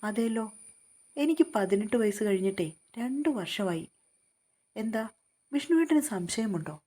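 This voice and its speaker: A woman's voice: fairly high pitch, animated, warm tone. A woman voicing a sassy, stubborn young woman of about twenty who pouts and protests in a storybook reading. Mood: indignant. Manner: pouty, teasing, quick to protest.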